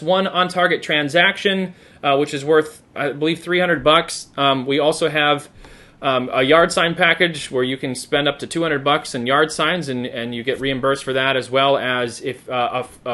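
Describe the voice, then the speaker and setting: A man hosting a live online show, chatty and energetic, with frequent fillers. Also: fairly high pitch. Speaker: host.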